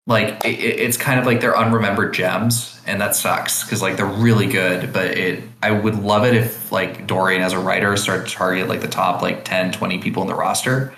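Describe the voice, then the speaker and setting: Man, podcast host, casual rambling chat, lowish voice, echoey room. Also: bright, forceful tone, a little hiss or hum. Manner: rambling, full of "like" and restarts.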